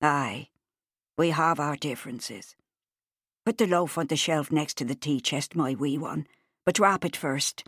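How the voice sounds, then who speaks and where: A woman's voice: low voice, a little slow, a bit bright, breathy edge, dry recording, studio quality, full character voice. A woman reading an audiobook, voicing a kindly, chatty old traveller woman, homely and motherly.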